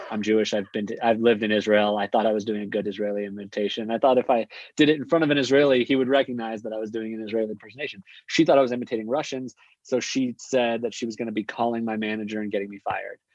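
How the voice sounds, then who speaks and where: A man's voice: fairly low pitch, fairly even intonation, fast talker, a little mellow, no echo, lo-fi sound. A man guesting on a podcast, telling long anecdotes in a loose, rambling way with lots of fillers. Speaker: podcast guest, agency founder. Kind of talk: casual interview storytelling.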